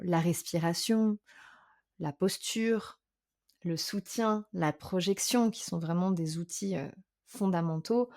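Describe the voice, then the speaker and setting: Woman, vocal coach, fairly low voice, explanatory, hesitant fillers, interview guest. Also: warm tone. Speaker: guest, vocal coach and musical theatre singer. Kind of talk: conversational interview.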